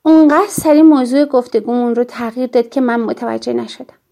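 Brief: woman audiobook narrator, high-pitched yet mellow, calm and measured. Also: creaky.

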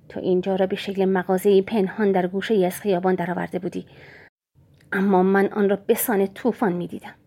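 A woman reading a novel aloud in the first person, in a hushed, half-whispered, scheming tone. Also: mid-range voice, breathy edge. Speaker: audiobook narrator.

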